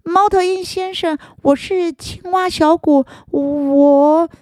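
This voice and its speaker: Woman playing a high, timid little frog. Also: fairly even intonation, takes it slowly, darkish tone, no echo, clean studio sound. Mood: timid eager. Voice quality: high and wavering. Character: timid young male frog.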